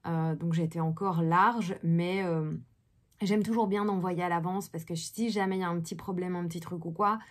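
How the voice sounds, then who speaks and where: A woman in her thirties, originally from Belgium, talks through her day in a relaxed vlog. Her voice sits fairly low, and she fills her sentences with hesitations as she chats. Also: moderate pace. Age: 30s. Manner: chatty, many fillers. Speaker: actress vlogger. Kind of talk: casual daily vlog.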